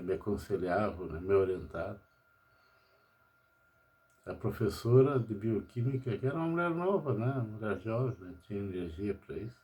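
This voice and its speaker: A man's voice: on the low side, warm tone. An older man from Brazil, a pharmacist talking about his life at home in a rambling personal monologue, tagging nearly every phrase with "né?".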